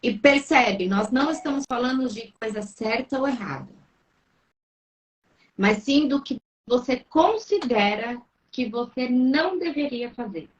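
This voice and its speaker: A woman with a fairly high, expressive voice speaks in an unhurried way. She is a therapist co-hosting a live Q&A chat, working through topics with a string of probing, reflective questions.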